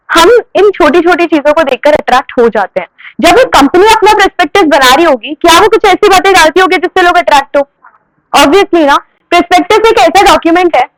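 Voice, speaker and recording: A high-pitched young woman lectures a classroom on commerce. She keeps asking questions and answering them herself, and her voice sounds dry and close. Her tone turns firm when she scolds the class. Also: no echo, rough recording. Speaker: teacher.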